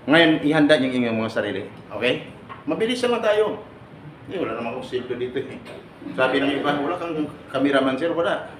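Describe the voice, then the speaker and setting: A man's voice: mid-range voice, animated, fairly quick. Joking man lecturing a noisy room. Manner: teasing, laughing often, quizzing the crowd. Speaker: seminar speaker for overseas workers. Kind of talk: joking seminar talk to a live audience. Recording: echoey room with loud ambient noise.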